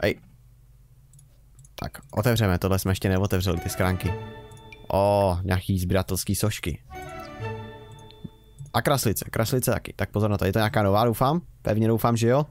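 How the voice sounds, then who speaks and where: A man's voice: fairly low pitch, fairly even intonation, long pauses, a little mellow, faint music behind. A young man giving rambling, casual commentary while playing a game, with wry remarks. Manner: chatty, rambling, wry self-mocking remarks. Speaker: Let's Play host.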